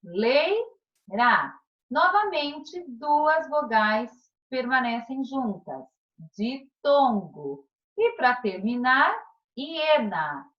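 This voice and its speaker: A Brazilian woman teacher speaking to young pupils at a slow, patient pace, her voice slightly high and swinging up and down with animated emphasis. She stretches out syllables and keeps checking that the class is following. The recording sounds dull and lo-fi. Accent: Brazilian Portuguese. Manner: encouraging, drawn-out syllables, frequent "tá?" check-ins. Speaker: primary school teacher. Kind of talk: recorded remote class lesson.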